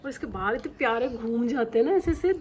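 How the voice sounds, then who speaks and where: A young woman filming a casual family vlog at home, chatting to the camera and switching to a high sing-song voice when she talks to her baby. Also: animated, brisk, a little mellow, a little hiss or hum. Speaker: vlogger mother. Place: home indoors.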